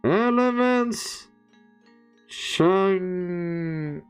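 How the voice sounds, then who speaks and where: A man's voice: high voice, lively intonation, clean tone, faint music behind, voice pushed up, full character voice. A man voicing a formal schoolteacher in a video game, stumbling word by word as he reads reversed dialogue aloud. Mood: halting lecturing. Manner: halting, stumbling word by word while deciphering reversed text.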